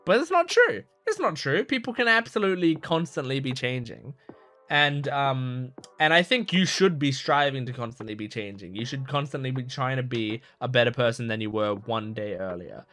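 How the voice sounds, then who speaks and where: This man speaks at a normal speed with lively intonation, a medium pitch and a sharp edge to his voice. Hosting an anime reaction video, he reflects casually and earnestly, rambling with lots of "like" fillers and restarts.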